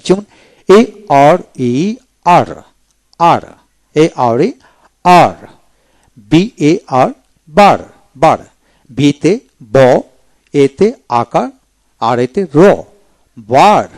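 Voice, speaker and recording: Male teacher, a touch high-pitched, dry close sound, slow word drills. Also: darkish tone, dry recording. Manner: repeats each word slowly, spelling letters out. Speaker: English pronunciation teacher. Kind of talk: video lecture, drilling words aloud.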